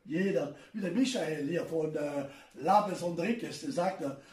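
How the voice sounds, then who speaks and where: A man with a Rhineland German accent tells carnival jokes at home in his living room, stand-up style, chuckling at his own punchlines. His voice is on the high side and darkish, and he takes it slowly. The mic is distant and the room echoes.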